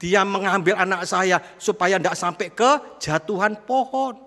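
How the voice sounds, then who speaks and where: A man's voice: sits high, moderate pace, bright, forceful tone, big-room sound. A man playing a worried, caring village mother who wonders aloud with anxious exclamations. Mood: musing.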